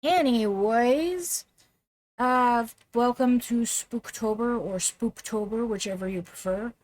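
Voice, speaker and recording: A woman's voice: fairly high pitch, takes it slowly, a little mellow, no echo. A woman chatting casually to viewers on a live game stream, self-deprecating and full of fillers.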